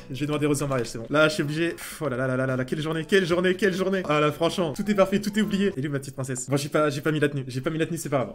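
A young man streaming a game live, excitable, talking to his chat and breaking into laughter. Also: on the high side, a little hiss or hum. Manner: excitable, quick reactions, bursts of laughter. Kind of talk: live gameplay commentary.

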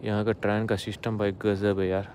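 A young Indian travel vlogger films himself at night on an outdoor railway platform, phone held at arm's length, chatting directly to viewers and hushing near sleeping passengers. His voice is lowish with little pitch movement, fairly quick, over background noise.

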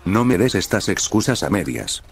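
A man voicing a distraught, anxious young woman in a story reading, delivered in a flat, even way. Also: low-pitched, normal speed, slightly rough, exaggerated voice. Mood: furious.

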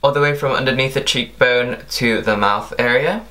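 A man's voice: medium pitch, moderate pace, bright, forceful tone. A young man narrating an instructional makeup tutorial as its presenter. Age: young adult.

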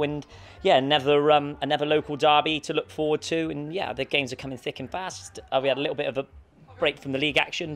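A man in his thirties, a football manager, giving a post-match interview outdoors in an empty stadium stand, talking steadily with many restarts and fillers into a handheld mic. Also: medium pitch. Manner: steady, flat delivery with frequent restarts and fillers. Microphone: handheld mic with windshield held close.

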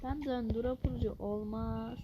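A woman's voice: on the high side, steady tone, takes it slowly, dull audio, noisy background. A young woman giving casual gameplay commentary, muttering to herself with exasperated sighs and sudden yelps. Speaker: gamer. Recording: background game music.

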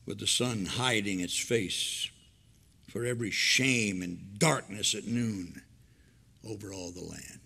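An older man preaching a sermon from a church pulpit, swinging between loud emphatic lines and hushed, low asides. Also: takes it slowly, creaky, slightly rough. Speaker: pastor. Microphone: pulpit microphone.

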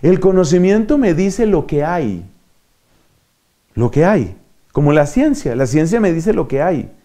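Lively, dark-voiced man preaching. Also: on the high side, a little slow. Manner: didactic, acts out little dialogues and asks rhetorical questions. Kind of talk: teaching sermon.

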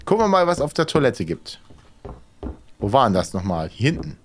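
A man's voice: medium pitch, very animated, fairly quick, slight background noise. A man doing casual let's play commentary, thinking aloud hesitantly as he plays. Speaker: let's player, horror game streamer.

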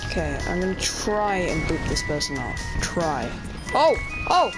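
A woman's voice: on the low side, big pitch swings, a little slow, low-quality recording. A woman with a British accent commentating on her gameplay as an exasperated, exclaiming raging gamer. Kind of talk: gaming commentary. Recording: game music behind the voice. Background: loud video game music.

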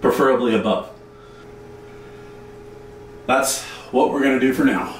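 A man's voice: medium pitch, unhurried, echoey room, far from the mic, slight background noise, rough recording. A man working on his sailboat's refit, explaining the plumbing and wiring step by step in a matter-of-fact way. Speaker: boat owner doing refit work. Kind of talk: casual explaining while working. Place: inside a boat under refit.

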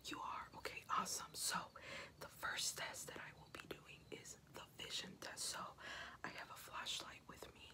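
A young adult woman whispers a brisk ASMR whispered role-play as an examiner, giving short instructions in a fast, aggressive ASMR manner. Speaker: ASMR performer playing a medical examiner. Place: small bedroom, indoors.

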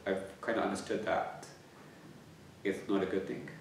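With a deep voice and vocal fry, a man in his twenties answers interview questions reflectively at a moderate pace and level tone, stammering as he repeats words and restarts. The recording, made in a plain indoor room, is echoey with a slightly distant mic and a little hiss or hum.

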